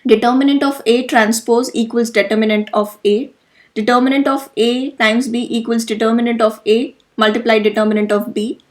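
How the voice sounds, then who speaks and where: A woman's voice: fairly high pitch, fairly even intonation, brisk. A woman lecturing through matrix notation step by step, methodical and now and then correcting herself. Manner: methodical, self-correcting explanation. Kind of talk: slide-based math lesson.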